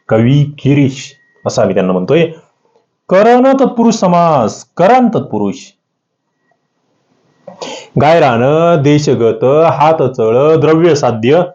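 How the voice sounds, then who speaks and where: A man with a Marathi accent teaching an exam-prep lesson, rising sharply in pitch on the key answers. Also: dark tone. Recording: slightly dull lo-fi audio.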